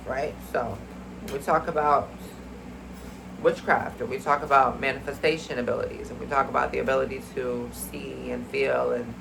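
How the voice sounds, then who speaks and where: A spiritual card reader rambles through a casual reading, voice sitting at a middling pitch and sounding a bit congested. The talk wanders in a loose, mystical way, always turning back to the viewers as y'all. Faint noise sits behind the voice. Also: vocal fry. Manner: chatty, addresses viewers as y'all.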